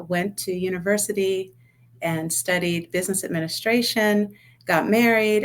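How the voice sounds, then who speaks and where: A woman past sixty from New York City speaks as a guest, with a somewhat low voice. She is warm and grateful, and leans on little uhs as she goes. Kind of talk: casual interview talk.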